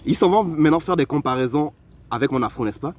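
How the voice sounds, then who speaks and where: A young man from Africa telling personal stories to the listener in a lively, conversational way. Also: fairly high pitch, quick pace. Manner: animated, conversational, addresses the listener directly. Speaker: vlogger. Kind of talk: personal storytelling.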